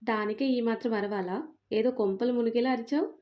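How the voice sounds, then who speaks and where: A middle-aged mother with a sharp, sarcastic tongue and a loving heart underneath, as a woman puts her on. Her voice is somewhat high but warm and mellow, and it scolds in a storybook telling. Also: fairly even intonation, brisk, natural voice. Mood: scolding.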